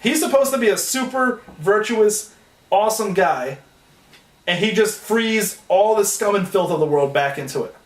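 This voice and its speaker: Sarcastic ranting man with a lively high voice. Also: moderate pace, roomy sound, far from the mic. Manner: exasperated, sarcastic griping with mocking put-on voices. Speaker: comedy sketch host ranting. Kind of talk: comedic rant monologue.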